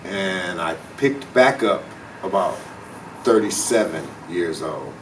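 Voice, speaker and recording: A man's voice: low-pitched, animated, slow, distant mic, slight background noise, low-quality recording. A man in his fifties giving an interview testimony, recounting plainly with hesitations. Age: 50s.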